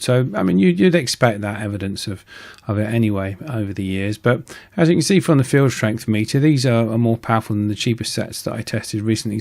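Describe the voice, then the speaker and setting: A channel host talks through a repair in a casual, explanatory way, sounding informal, matter-of-fact, and somewhat hesitant. His voice is fairly low in pitch with a darkish tone.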